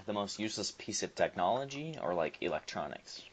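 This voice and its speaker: A man's voice: deep voice, very animated, husky. A young man co-hosting a podcast in a casual, joking chat. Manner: laid-back, joking, drawn-out speech. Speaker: podcast co-host.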